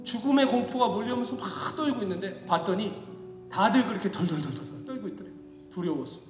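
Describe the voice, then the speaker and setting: High-voiced pastor preaching in an echoey hall. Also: male voice, lively intonation, brisk. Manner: dramatic storytelling, swings from hushed to shouting. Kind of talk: sermon. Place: church sanctuary. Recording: echoey hall with faint music.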